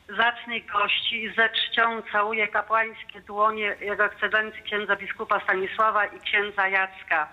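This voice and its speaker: A woman in her fifties calling in to a radio show to give a fervent, devout testimony. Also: mid-range voice. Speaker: caller. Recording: muffled phone line.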